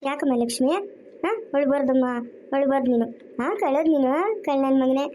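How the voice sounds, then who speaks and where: A woman's voice: sits high, flat delivery, fairly quick, dark tone, slight background noise, natural voice. A woman voicing an older village woman in a family cartoon, coaxing and soothing others.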